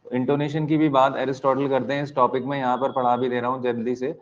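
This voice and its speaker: A man with an Indian accent teaching an exam-prep lecture, mixing Hindi and English, dictating slowly, repeating key lines and spelling words out letter by letter. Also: mid-range voice, flat delivery, highs cut off.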